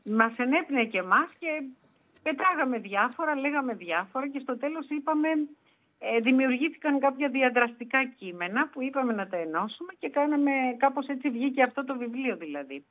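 A woman's voice: high voice, lively intonation. A woman, an author guest in a radio interview, speaking hesitantly with many fillers. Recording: tinny phone line.

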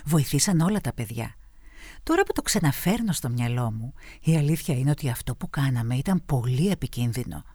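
A woman's voice: extremely low pitch, dry recording, exaggerated voice. Woman narrating as a grown woman recalling girlhood. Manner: warm, reflective storytelling. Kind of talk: narration in children's radio drama.

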